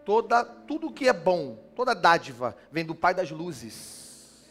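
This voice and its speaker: Male pastor, high register, lively sermon delivery that drops soft and slow at times. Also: soft background music. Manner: animated, swings from loud emphatic to soft and slow.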